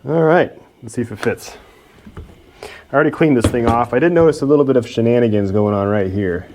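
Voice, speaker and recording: A man hosting a machinery repair video talks casually and self-deprecatingly while working in his workshop. His medium-pitched voice is brisk and a little mellow, with slight background noise.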